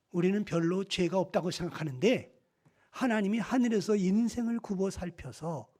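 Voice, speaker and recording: High-voiced emphatic male preacher. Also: darkish tone. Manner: emphatic, keeps prodding listeners with rhetorical questions. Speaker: lay preacher. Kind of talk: gospel meeting sermon.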